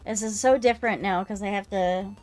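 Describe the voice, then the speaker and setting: A woman's voice: medium pitch, fairly quick. A woman live streamer chatting casually with viewers and commenting on the game she plays. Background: game music.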